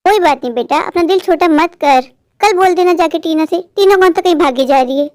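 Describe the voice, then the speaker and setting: A fussing, affectionate mother bird, voiced by a woman in a cartoon, doting on her son and fearful of loneliness. Her voice is very high. The recording is dry and close. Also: brisk, a little mellow, dry recording. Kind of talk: cartoon voice acting.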